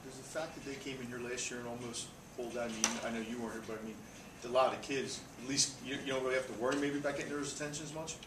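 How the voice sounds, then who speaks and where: A man's voice: mid-range voice, steady tone, racing, hardly any pauses, distant mic. A man, a reporter asking a coach loosely worded questions at a press conference. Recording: off-mic in an echoey room with noise.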